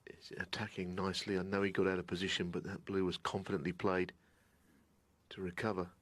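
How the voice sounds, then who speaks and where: A man giving hushed, conversational live snooker commentary in a measured, analytical manner. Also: deep voice, level tone, dry recording.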